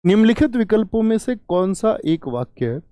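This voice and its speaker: A man's voice: high-pitched, big pitch swings, normal speed, dark tone, dry recording. A man teaching Hindi grammar in a live online exam-prep class, asking questions and repeating key words. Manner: asks and answers his own questions, repeats key words.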